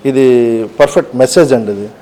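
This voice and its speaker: A man, a shop owner explaining things slowly and emphatically as an interview guest. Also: mid-range voice, mellow, a little hiss or hum, low-quality recording. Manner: slow, emphatic, explains step by step.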